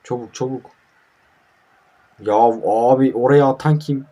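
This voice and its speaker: A man's voice: medium pitch, a little slow. Sleepy, grumbling young man gaming. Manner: sleepy and grumbling, erupting into frustrated shouts at his players. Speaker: mobile football gamer. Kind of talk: casual live gameplay commentary. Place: at home at night.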